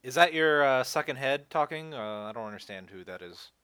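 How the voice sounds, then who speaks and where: A man's voice: mid-range voice, expressive, brisk, pushed and bright, clear, resonant tone, no echo, studio quality. A man hosting a casual podcast chat, laughing often and swearing casually. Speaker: podcast host.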